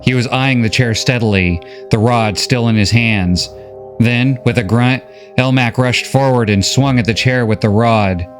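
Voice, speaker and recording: A man reading a novel recap as scripted story narration, steady and measured. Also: mid-range voice, faint music behind.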